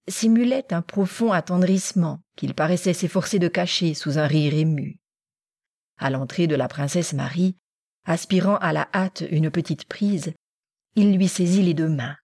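Mellow, husky woman narrating a novel. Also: on the low side, no echo, studio quality. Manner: even, measured literary reading. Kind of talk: scripted audiobook narration.

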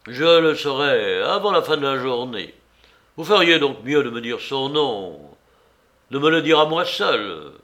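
A man's voice: mid-range voice, expressive, a little slow. A man voicing a stern police commissioner. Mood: pressing. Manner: severe, sharp questioning.

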